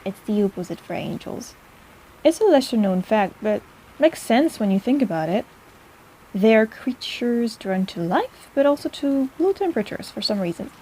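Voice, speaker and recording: Speaking straight to the listener, a woman voices a warm, teasing young apothecary who rambles, halts and flusters as she muses and explains things. Her tone is mellow and higher-pitched, and she sounds caring throughout this personal-attention roleplay. Slight background noise and poor audio mar the clip.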